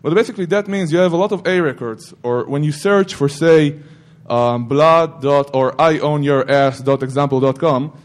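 A man's voice: a little high, moderate pace, hardly any pauses. A middle-aged man giving an informal technical talk at a security conference, rambling with self-corrections and joking asides to the audience.

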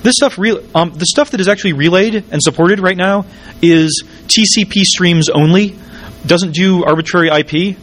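A man giving a technical conference talk, wired on caffeine, hurried and jittery with stumbles and dry, wry asides. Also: sits high, fairly bright tone. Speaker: conference speaker.

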